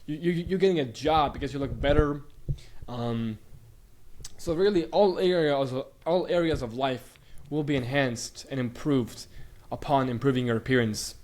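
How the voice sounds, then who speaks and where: His mid-range voice is a little mellow and moderately paced as he rambles through a casual interview, restarting often and using many fillers. The young man comes from Bulgaria and was raised in Sweden.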